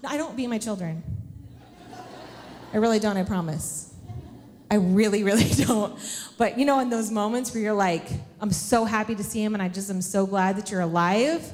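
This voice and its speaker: A woman in her thirties preaching a storytelling sermon, animated and acting out scenes with shrieks and laughs. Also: medium pitch, normal speed. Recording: long reverb of a large hall.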